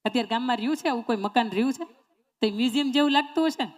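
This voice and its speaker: A woman's voice: fairly high pitch, racing. A woman giving a motivational speech, telling folksy stories, repeating words and quizzing her audience. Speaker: motivational speaker.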